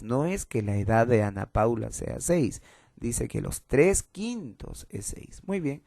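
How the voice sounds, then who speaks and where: A man's voice: medium pitch, gravelly, warm tone, no echo. A man explaining fraction word problems step by step as a math teacher, patiently repeating the key rules.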